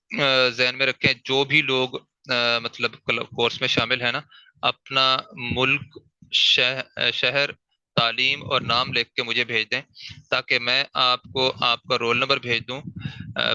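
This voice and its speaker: Bright, crisp male recitation teacher. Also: medium pitch, no echo, rough recording. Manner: demonstrates letter sounds slowly, repeating them; asks rhetorical check questions. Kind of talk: online tajweed class lecture.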